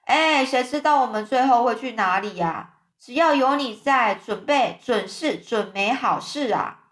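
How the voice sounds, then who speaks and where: A woman's voice: a little high, animated, measured pace, a bit bright. A woman voicing a gloomy, grumbling earthworm in a children's storybook reading, complaining. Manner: complaining, stumbling.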